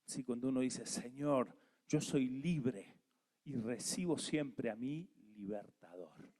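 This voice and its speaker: A man preaching a sermon as pastor, animated, asking the congregation to repeat after him. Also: mid-range voice, slow pace.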